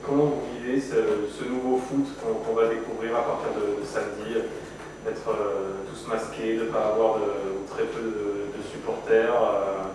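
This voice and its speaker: A man working as a sports journalist, putting halting, rambling questions at a press conference from away from the microphone. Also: fairly low pitch, flat delivery. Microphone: far from the microphone. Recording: distant, echoey, noisy room pickup.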